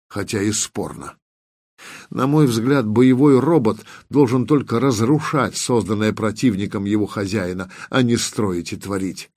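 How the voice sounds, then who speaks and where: A wry officer who smirks and lectures as he muses aloud, read by a man in an audiobook. The voice sits low and is recorded close and dry, without room sound. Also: a little mellow, no echo. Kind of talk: audiobook character reading.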